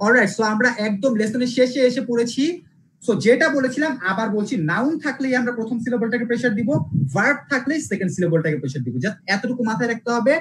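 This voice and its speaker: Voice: mid-range voice, expressive, fast talker, a bit bright, slight background noise, poor audio. A teacher giving a live online English pronunciation class with a Bengali accent. The teacher repeats points often and keeps checking that students follow along. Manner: repetitive, checks understanding with "alright?". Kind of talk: live online class, code-switching lecture.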